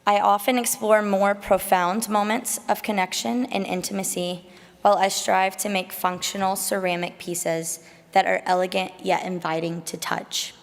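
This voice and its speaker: Woman, 30s, hoarse and gravelly, emotional conference talk, long hall echo. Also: mid-range voice, flat delivery, normal speed. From Alabama, USA. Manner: emotional, grateful, laughs nervously. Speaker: emerging artist presenter. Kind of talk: conference presentation. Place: large convention hall.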